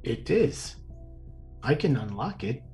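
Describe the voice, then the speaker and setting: Quiet male tabletop player. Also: mid-range voice, big pitch swings, slow pace, soft background music. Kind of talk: in-character tabletop role-play.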